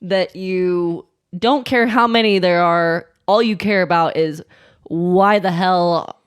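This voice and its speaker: A woman co-hosts a relaxed chat, telling a neighbor story with exasperated laughs. Her voice is smooth and slightly low for a woman. She takes her time over every phrase. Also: takes it slowly. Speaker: podcast co-host.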